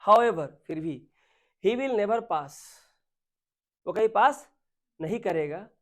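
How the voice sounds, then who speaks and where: A man's voice: high-pitched, animated, takes it slowly. A man teaching a grammar class, asking his students questions and answering them himself, mixing in English words. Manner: mixes Hindi with English terms.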